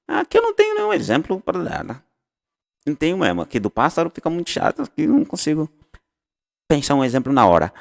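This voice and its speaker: A man gives a casual English lesson, swinging his pitch widely as he explains. He repeats example phrases and corrects himself as he goes. His voice carries a long hall reverb. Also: wildly swooping pitch, fast talker, gravelly. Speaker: English teacher.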